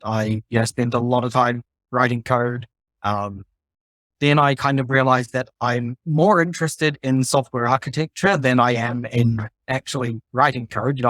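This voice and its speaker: A man's voice: mid-range voice, fairly bright tone, dry recording. A middle-aged man from New Zealand, a podcast guest explaining his background step by step in casual conversation. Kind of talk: casual chat.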